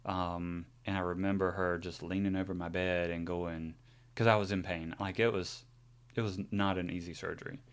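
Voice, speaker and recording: A man in his forties co-hosts a podcast, his low, resonant voice clear and flat as he talks at a moderate pace. He chats casually and openly about his own experience, rambling with plenty of fillers and restarts.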